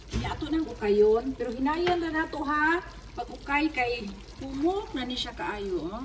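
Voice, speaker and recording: A Filipino woman in her fifties with a Cebuano accent, casually talking through a home recipe in her kitchen, explaining each step in a relaxed, chatty way. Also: on the high side, a little hiss or hum. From Philippines. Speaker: home cook. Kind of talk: casual cooking vlog narration. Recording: distant camera mic, music underneath.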